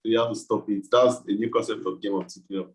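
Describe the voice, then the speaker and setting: A man's voice: fairly low pitch, fairly even intonation, fast. A man with a West African accent talking casually as an interview guest, explaining things in a loose, informal way. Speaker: game developer being interviewed.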